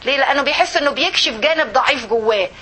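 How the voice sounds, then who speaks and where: Fast, bright-voiced Egyptian woman preacher. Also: high voice. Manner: animated, asks the audience rhetorical questions. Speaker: religious speaker. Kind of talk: religious talk to women.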